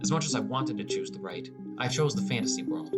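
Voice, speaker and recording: With a fast, expressive, medium-pitched voice, a man reads a scripted first-person fantasy audiobook, playing a gloomy, introspective teenage boy gamer. Prominent music runs under his voice.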